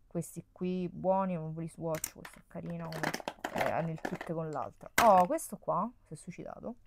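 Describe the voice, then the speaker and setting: A young woman, talking casually at home on a bed. Her low, gravelly voice keeps up a lively, exclamatory chatter as she sorts through her makeup, reaching a camera mic with her face out of frame. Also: slight background noise. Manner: chatty, exclamatory, laughs often. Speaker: beauty vlogger. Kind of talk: casual chat while decluttering makeup. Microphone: camera mic, face off-screen.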